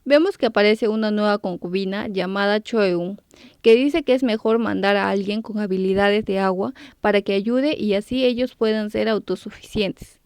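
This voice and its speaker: A woman's voice: mid-range voice, normal speed, darkish tone, smooth, no room sound. A woman narrating a story recap, lifting her voice on character names. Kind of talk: scripted narration.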